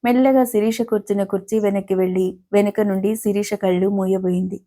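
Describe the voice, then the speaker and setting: A woman narrating an audio novel in a steady, unhurried storytelling manner. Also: mid-range voice.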